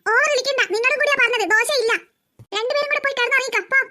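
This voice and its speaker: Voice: extremely high pitch, fairly even intonation, rapid-fire, sharp tone. A performer voicing a young cartoon mother who scolds her two daughters in an exasperated, nagging way.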